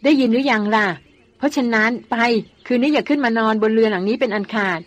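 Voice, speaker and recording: A woman's voice: on the high side, natural voice. A woman reading as a bossy young woman doctor. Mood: teasing. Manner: scolding, quick-tongued.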